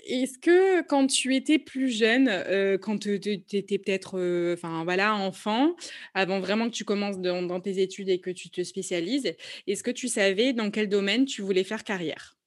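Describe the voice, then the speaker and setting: Speaking at a normal pace with a medium-pitched voice, a podcast host chats with her guest informally, working out her questions as she goes in a conversational interview.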